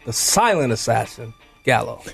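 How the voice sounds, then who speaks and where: A man's voice: mid-range voice, sing-song, normal speed, gravelly, fairly bright tone, husky, soft background music. An American man hosting a conversational live talk radio show from a studio.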